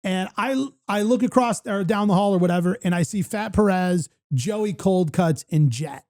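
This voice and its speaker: High, gravelly man telling animated stories. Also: moderate pace. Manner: animated storyteller, acts out voices. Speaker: podcast host. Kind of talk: casual chat.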